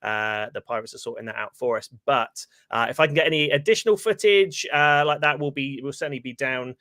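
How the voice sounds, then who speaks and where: A man hosting a live-stream talk show, chatty and quick to laugh. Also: mid-range voice, bright, forceful tone, no echo. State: tired. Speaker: podcast host. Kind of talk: casual live-stream chat.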